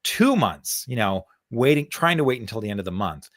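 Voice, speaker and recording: A man's voice: mid-range voice, big pitch swings, fairly quick, dry recording, clean studio sound. A male co-host explaining stock charts in a casual, thinking-aloud way, with frequent fillers and repeated words. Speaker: co-host, stock market analyst. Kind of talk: conversational market analysis.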